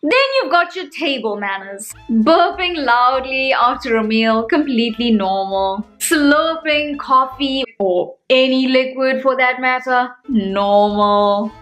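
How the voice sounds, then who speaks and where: A woman from South Africa with a South African accent, telling comic stories to camera in a sarcastic, animated way. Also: sits high, slow, soft background music. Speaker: vlogger. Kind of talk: casual comedic vlog monologue.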